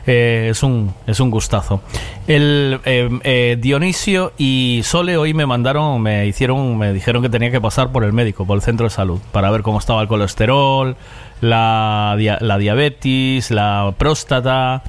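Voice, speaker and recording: A man's voice: mid-range voice, moderate pace. Guy hosting a chatty radio show, always joking around. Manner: jokey, laughs often. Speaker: radio host. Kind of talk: casual radio chat.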